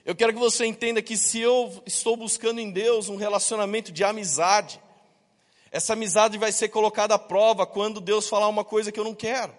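A man's voice: sits high, fairly even intonation, a little fast, big-room sound. A man preaching a sermon to his congregation, telling stories and acting out the voices of the people in them, with jokes along the way. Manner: storytelling, acts out quoted voices. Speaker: pastor. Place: church.

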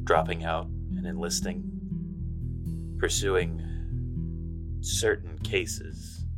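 Casting: wisecracking, world-weary gumshoe for noir audio drama, deep and unhurried. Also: male voice. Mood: brooding. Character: brooding, wisecracking hardboiled private eye.

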